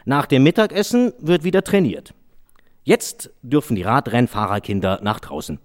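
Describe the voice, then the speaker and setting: A man reads a children's story aloud, his voice rising and falling with a lively, sing-song melody. He sits at a middle pitch and leans into each turn of the tale. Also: normal speed. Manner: expressive, sing-song reading.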